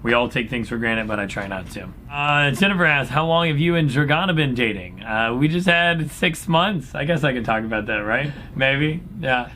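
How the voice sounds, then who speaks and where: Upbeat male cruise director, bright voice, noisy background. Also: lively intonation, moderate pace, few pauses. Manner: upbeat and folksy; laid-back. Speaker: cruise director answering viewer questions. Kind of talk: casual question-and-answer chat. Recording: clear background noise with low rumble.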